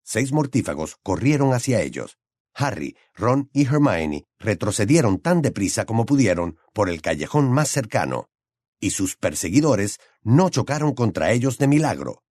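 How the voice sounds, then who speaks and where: A man reading an audiobook aloud in a dramatic, expressive way. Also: lowish voice, normal speed, no echo, studio quality. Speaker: audiobook narrator. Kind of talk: scripted audiobook narration.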